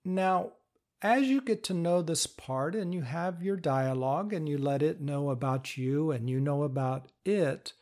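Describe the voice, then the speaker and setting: A man giving a patient, step-by-step instructional talk, explaining calmly. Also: on the high side, a little slow. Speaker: teacher of inner-parts work.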